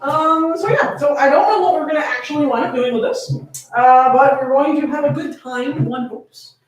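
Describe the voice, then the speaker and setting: A woman with a high voice, speaking at normal speed over slight background noise, hosts a fan fiction reading, playful and sweary, shifting between teasing banter and dramatic read-aloud. She's indoors in a very echoey room, far from the mic, with a camera on a tripod.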